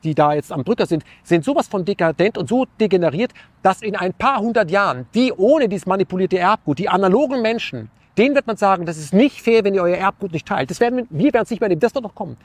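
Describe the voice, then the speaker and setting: A man speaks in a high, light voice, recorded dry and close to the mic. He muses earnestly, asking rhetorical questions and restarting his sentences as he searches for words. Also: animated, quick pace, few pauses, no echo. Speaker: interview guest. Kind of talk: reflective philosophical talk.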